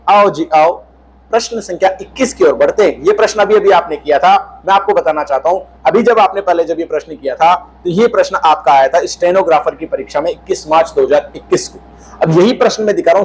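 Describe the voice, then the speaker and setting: A man's voice: on the high side, slight background noise, poor audio. A man with a Hindi accent teaching English grammar for an exam, asking questions and answering them himself. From India. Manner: drawn-out question and answer, repeats his own questions. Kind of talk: exam-prep lesson.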